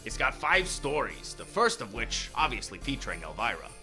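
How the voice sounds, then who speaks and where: A man's voice: mid-range voice, big pitch swings, normal speed, sharp tone, faint music behind. A man playing a jolly ghoul horror host, presenting in a campy, theatrical way with slangy, folksy address to his audience. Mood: enthusiastic, joking.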